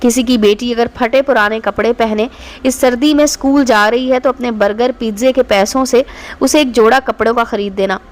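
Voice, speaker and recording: A woman narrating a scripted moral story in a fairly high voice. Her delivery is earnest and emotional. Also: fairly even intonation, normal speed.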